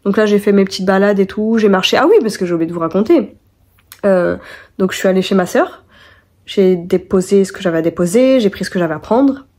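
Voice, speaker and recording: A woman's voice: medium pitch, brisk, warm tone. A young woman vlogging casually to her phone camera, candid and rambling, full of fillers and restarts. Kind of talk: casual vlog chat to camera. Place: walking around town, outdoors and at home.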